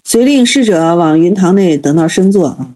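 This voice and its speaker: A woman's voice: lowish voice, animated, dark tone. Hesitant woman musing over a text. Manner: hesitant, thinking aloud, many pauses. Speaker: reader explaining a classic tale. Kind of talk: casual read-aloud and retelling.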